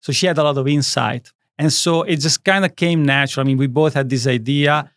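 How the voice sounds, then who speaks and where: A man's voice: mid-range voice, fairly even intonation, fairly quick, a bit bright, no echo. A man in his thirties from Italy with an Italian accent, speaking Italian as his first language, telling his story as a guest in a studio interview in an earnest, rambling way. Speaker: guest, skincare brand founder. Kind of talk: interview conversation.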